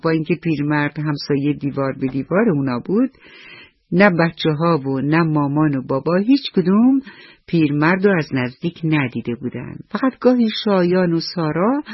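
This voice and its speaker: A woman storyteller narrating a bedtime story for children on the radio, lively and addressing the kids directly. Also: sits low, husky, no room sound. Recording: dull lo-fi radio recording.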